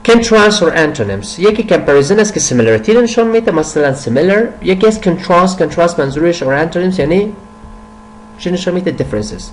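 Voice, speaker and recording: An older man teaching an English vocabulary lesson, switching between quick explanations in his own language and slow, careful English reading. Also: a little high, slight background noise, low-quality recording.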